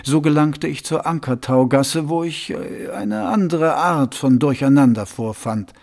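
A man portrays a calm, suave city lord with an assassin's past, talking in a smooth, measured way with mild amusement, slightly higher than the narration. His delivery is expressive and a bit mellow, with a silky, measured mood.

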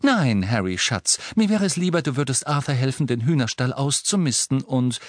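A man voicing a brisk, bossy motherly witch in an audiobook. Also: medium pitch, lively intonation, dry recording, voice pushed up, close to an everyday voice. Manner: brisk, scolding.

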